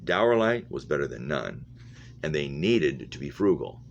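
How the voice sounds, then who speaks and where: With a rumbling low, sing-song voice and some vocal fry, an English teacher reads a novel at normal speed. He stumbles over words now and then and rereads phrases. The audio is muffled and lo-fi, with a hum.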